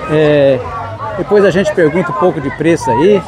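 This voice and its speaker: A man's voice: fairly high pitch, normal speed. A Brazilian man hosting a vlog, giving casual, enthusiastic commentary to his viewers as he walks through a market. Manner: enthusiastic, addressing viewers directly. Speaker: vlog host. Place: outdoor street market. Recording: busy street crowd and traffic noise. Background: market crowd, vehicles.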